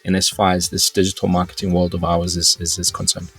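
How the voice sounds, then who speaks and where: A man's voice: deep voice, completely flat delivery, quick pace, fairly bright tone, husky, faint music behind. A man hosting a business podcast, asking long, rambling questions with many restarts. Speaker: podcast host. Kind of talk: casual interview talk.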